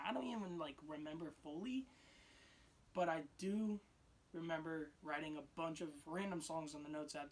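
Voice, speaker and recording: A raspy-voiced teenage boy rambling casually into his phone camera, restarting sentences and swinging between loud and quiet. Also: a little high. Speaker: vlogger. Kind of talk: casual unscripted vlog.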